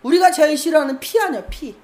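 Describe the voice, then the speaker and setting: A woman preacher delivering a sermon with animated storytelling, acting out scenes as she goes. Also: sits high, quick pace.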